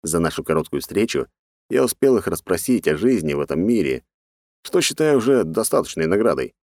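A man narrating a first-person fantasy audiobook in a sardonic, rough-edged, casually swearing manner. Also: low voice, sing-song, brisk, darkish tone, dry recording, studio quality.

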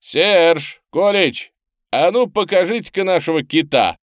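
A man voicing a hearty, loud sailor who leads a boat crew, in an audiobook. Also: medium pitch, expressive, moderate pace, no echo, studio quality, pitched above the performer's own voice, close to an everyday voice. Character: hearty gruff male sailor leader.

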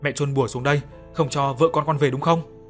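A man's voice: fairly high pitch, steady tone, fairly quick, a bit bright, close to an everyday voice. A grief-stricken young husband speaks in a desperate, pleading tone in an audio story. A man plays him close to his own voice. Faint music runs behind.

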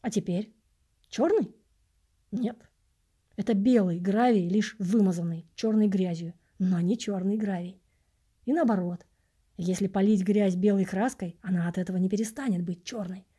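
A woman reading an audiobook, voicing a patient, wise male vagrant mentor in a measured, instructive way. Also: mid-range voice, dark tone, slightly rough, close to an everyday voice. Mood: reflective.

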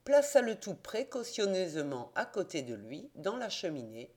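A man narrating a classic detective novel as an audiobook, in a measured, expressive reading. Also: high-pitched. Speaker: audiobook reader.

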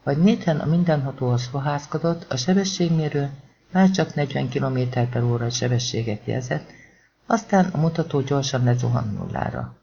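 A man narrating an audiobook in a tense, dramatic way, voicing the shouted lines of the characters himself. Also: mid-range voice, vocal fry, lo-fi sound.

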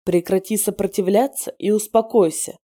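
A woman's voice: medium pitch, fairly even intonation, normal speed, warm tone, close to an everyday voice. A woman reading a stern young werewolf giving orders. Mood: commanding. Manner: curt, commanding orders. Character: young male werewolf interrogator, stern and commanding.

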